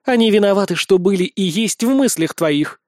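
A man's voice: high voice, expressive, moderate pace, darkish tone, no room sound, studio quality, pitched above the performer's own voice. A man reading an audiobook, voicing an arrogant, predatory female goddess who speaks in a haughty, mocking way.

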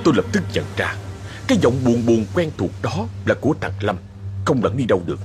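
A man narrating a horror story with dramatic, expressive delivery. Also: mid-range voice, a little fast, faint music behind.

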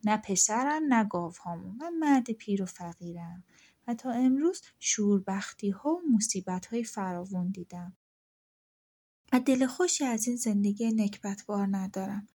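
A poor old man from a storybook tale, worn down and desperate, who pleads in a resigned way, as read by a woman narrator. The voice is the reader's own, at an ordinary mid pitch. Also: lively intonation, dark tone, natural voice. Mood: pleading.

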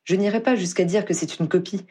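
A reader voicing a proud, condescending young woman expert in potions, husky-toned. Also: mid-range voice, fairly quick, darkish tone, pitched above the performer's own voice, close to an everyday voice. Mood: disdainful. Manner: condescending, touchy.

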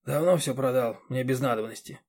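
A man voicing a calm, sardonic old man who speaks quietly and dryly. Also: medium pitch, a little fast, lightly acted. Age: older.

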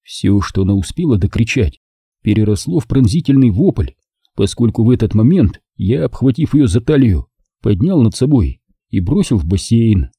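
Male audiobook reader, very dark husky tone, lively first-person narration. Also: lowish voice, normal speed, dry recording, clean studio sound. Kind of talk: first-person novel reading.

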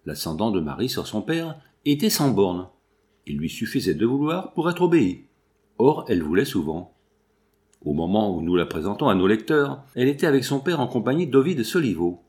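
A man reading a novel aloud as audiobook narration, with an expressive storytelling manner. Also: fairly low pitch, moderate pace. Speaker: audiobook reader.

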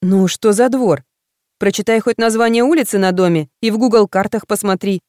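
A woman voicing a blunt young woman best friend who talks briskly and teases in a no-nonsense way, in an audiobook. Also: medium pitch, darkish tone, no room sound, clean studio sound, close to an everyday voice.

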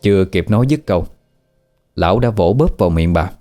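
Deep, dark-voiced male storyteller. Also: animated, a little fast, faint music behind. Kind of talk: scripted horror story narration.

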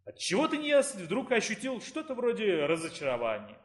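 A man's voice: high-pitched, wildly swooping pitch, fairly quick, reverberant. A man narrating a fantasy audiobook expressively.

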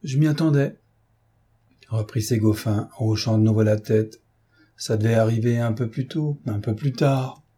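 A man reading aloud, voicing a phlegmatic, deadpan old manservant who speaks in calm, sententious sayings. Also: mid-range voice, normal speed, slightly rough, natural voice. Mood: resigned.

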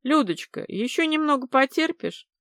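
A calm, faintly mocking man, read by a woman narrator speaks in an unruffled, sleepy way. The recording is dry and close. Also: high-pitched, normal speed, no room sound, pitched above the performer's own voice, heavily acted.

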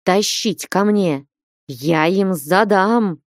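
Woman doing a shouty old peasant dad from a storybook, slow heavy yelling, dry sound. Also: mid-range voice, no echo. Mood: furious shouting. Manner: shouting, thundering. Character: stern old peasant father, hot-tempered yet soft-hearted.

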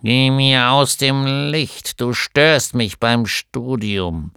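A man voicing a grumpy old male gnome scholar in an audiobook, gruff and grumbling. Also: mid-range voice, drawn-out words, sharp tone, dry recording, clean studio sound, exaggerated voice. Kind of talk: audiobook character voice.

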